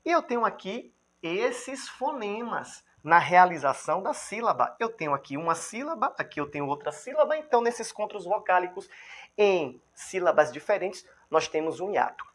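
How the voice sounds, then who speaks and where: A man with a Brazilian accent teaching a grammar lesson, who keeps checking in with the viewer and sounds out example words syllable by syllable. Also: high-pitched. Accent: Brazilian Portuguese. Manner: lively, checks in with the viewer constantly; spells out examples slowly, syllable by syllable.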